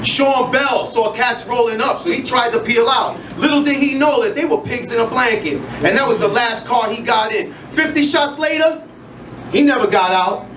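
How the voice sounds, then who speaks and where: A man's voice: extremely high pitch, moderate pace, fairly bright tone. Man in a live slam poetry set, fierce and profane; roomy, noisy recording from across the room. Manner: angry, intense, profane. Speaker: spoken word poet. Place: live venue stage. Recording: echoey room, distant mic, noisy crowd.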